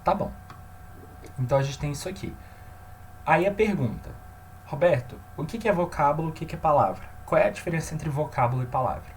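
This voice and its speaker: A man teaching a grammar lesson, often checking in with his listeners and slowing down to stress key terms. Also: a little high, slight background noise.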